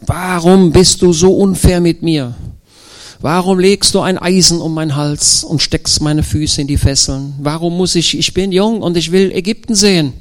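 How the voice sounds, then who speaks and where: A man's voice: fairly high pitch, normal speed, voice pushed up, natural voice. A man voicing a young imprisoned man who complains bitterly to God that he is treated unfairly, pleading and indignant. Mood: indignant despair. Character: young male prisoner lamenting to God, indignant.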